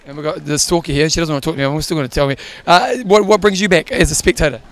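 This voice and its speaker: A man's voice: fairly high pitch, rapid-fire. A man with a New Zealand accent hosting and reporting casually on location from a roadside. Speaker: show host. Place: outdoors at a triathlon roadside.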